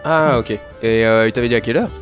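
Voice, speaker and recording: A man's voice: mid-range voice, fast talker, soft background music. A man playing his character in a tabletop game, hesitant and stammering, often repeating words. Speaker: player. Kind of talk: in-character tabletop role-play.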